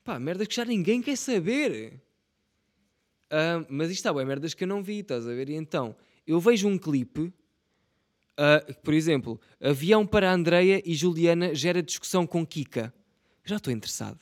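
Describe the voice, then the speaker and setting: A man's voice: fairly high pitch, lively intonation, moderate pace, no room sound, clean studio sound. A young man with a European Portuguese accent, rambling through a casual solo podcast in a self-mocking, slangy and profane way. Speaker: podcast host.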